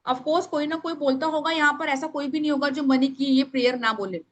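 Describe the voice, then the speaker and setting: A woman teaching a live online workshop over a video call, naming participants and dictating affirmations slowly for them to write down. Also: sits high.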